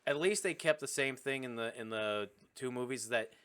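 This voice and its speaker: A man's voice: mid-range voice, normal speed, fairly bright tone, clear, resonant tone. A man co-hosting a podcast, casually riffing on a film with jokey put-on voices. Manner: jokey, riffs on scenes with put-on character voices. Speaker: podcast co-host. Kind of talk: casual movie recap chat.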